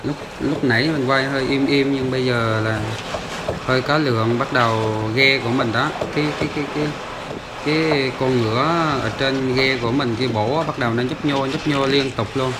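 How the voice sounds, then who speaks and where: A man talks through a casual fishing vlog from a boat in a harbor, stumbling through fillers and restarts as he explains what he sees. His medium-pitched voice is caught on the camera mic, with heavy wind and outdoor noise all around. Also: fairly even intonation, moderate pace. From Vietnam. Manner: chatty, many fillers and restarts. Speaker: fishing channel host. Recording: loud wind and ambient noise.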